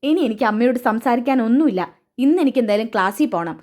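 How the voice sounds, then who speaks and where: A woman's voice: a little high, expressive, fast, warm tone, close to an everyday voice. A woman reading the lines of a weary young male college student arguing with his mother. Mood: pleading.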